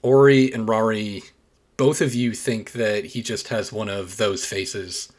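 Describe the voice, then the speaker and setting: A man narrating a tabletop role-playing game as game master. His voice sits fairly low, and he stops often on hesitant fillers while describing the scene. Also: fairly even intonation, unhurried. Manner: frequent hesitant "um"s.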